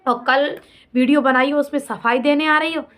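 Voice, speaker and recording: A woman vlogger launches into an unscripted, opinionated rant about a personal drama, aimed at people who aren't there, indignant and scolding as she drives her points home with rhetorical questions and repetition. Her voice sits high and a bit bright, with a steady tone at normal speed.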